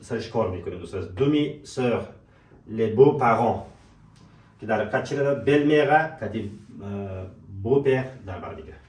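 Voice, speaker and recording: A man teaching vocabulary, repeating words slowly and calling his students dear friends, in an echoey room away from the mic. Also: lowish voice, expressive, darkish tone, distant mic. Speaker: language teacher.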